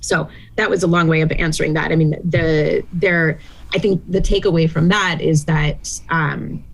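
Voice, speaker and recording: Low-voiced woman professor, measured. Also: fairly even intonation, gravelly, poor audio. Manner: measured, thoughtful, with frequent fillers. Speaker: guest expert, professor. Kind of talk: academic interview answer.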